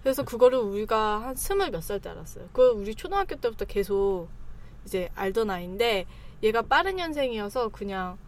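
A woman in her thirties telling stories on a casual talk show panel, animated and trailing into fillers. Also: medium pitch, fairly quick. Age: 30s.

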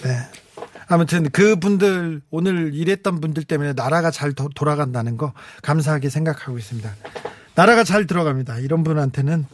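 A man hosting a late-night radio show, chatting and reading listener messages with warm, teasing asides. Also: a little high, a little fast, slight background noise. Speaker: radio DJ host. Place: radio studio. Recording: music playing faintly behind.

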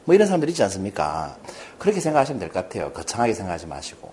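A man's voice: lowish voice, racing, a little hiss or hum. A man giving a lecture to an audience, telling stories and acting out the characters' lines. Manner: lively, acts out quoted characters. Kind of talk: lecture with storytelling.

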